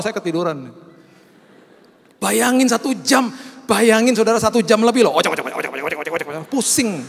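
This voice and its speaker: A middle-aged male pastor, telling animated stories in a sermon and mixing in English phrases. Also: very high-pitched, creaky, big-room sound.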